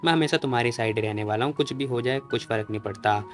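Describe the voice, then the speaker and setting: A man voicing a calm, protective young male leader who speaks softly. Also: mid-range voice, quick pace, soft background music, close to an everyday voice. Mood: tender. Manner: soft, reassuring.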